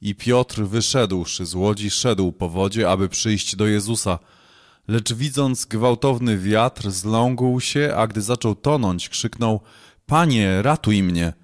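Low-voiced man reading scripture. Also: slow. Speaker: scripture reader.

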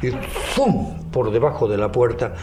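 A man's voice: medium pitch, expressive, unhurried, warm tone. A man hosting a radio show, telling jokes, laughing often and acting out the voices of the people in them. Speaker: radio host. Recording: noisy radio broadcast.

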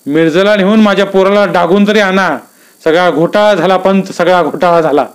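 A man's voice: high voice, moderate pace, voice pushed up, lightly acted. A man voicing a desperate old village father who cries out in despair in rustic dialect.

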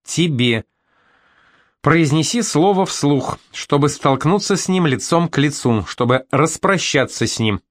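A man reading an audiobook and voicing a calm female therapist who questions gently but insistently. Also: on the high side, measured pace, dry recording, voice pushed up. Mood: gently probing. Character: calm, probing female therapist, middle-aged.

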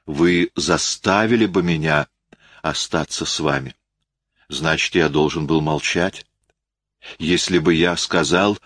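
A man reading an audiobook, voicing a humble old man who speaks softly and with restraint. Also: a bass voice, dry recording, studio quality, full character voice. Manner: soft, subdued, restrained.

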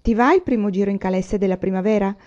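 A woman voicing a quiet, reserved young farmer who speaks tersely. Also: medium pitch, quick pace, natural voice. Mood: inviting. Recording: muffled lo-fi recording.

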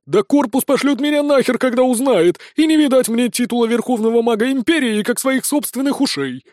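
A man voicing a fretful young boy wizard-fairy who whines in a raised, high voice. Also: a little fast, darkish tone, no room sound, studio quality. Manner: whiny, fretful.

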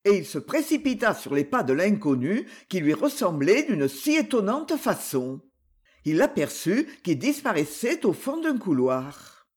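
An expressive audiobook narrator reading a classic adventure novel. The voice is breathy, with lively rises and falls in pitch, carrying the action forward. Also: unhurried. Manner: expressive storytelling.

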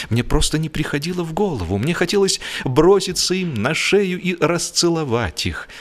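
This scripted audiobook of humorous literary fiction is read by a man whose voice sits in the mid range. His storytelling is expressive and playfully mock-earnest.

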